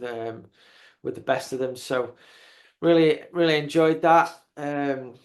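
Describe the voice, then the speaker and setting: Halting man in his fifties. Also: medium pitch. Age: 50s. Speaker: podcast host. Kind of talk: casual interview chat.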